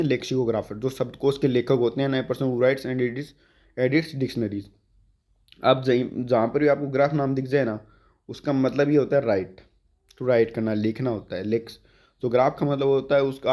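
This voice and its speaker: Male tutor, exam vocab lesson, slow drawn-out definitions, mid-pitched voice. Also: mellow. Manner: explains words in Hindi with slow drawn-out English definitions. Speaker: English vocabulary teacher.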